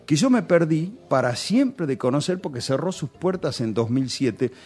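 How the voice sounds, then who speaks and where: A man's voice: on the high side, lively intonation, moderate pace, a little mellow, slightly rough. Argentine man telling nostalgic stories. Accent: Rioplatense Spanish. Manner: nostalgic, chatty storytelling with local slang. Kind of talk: storytelling on a radio show.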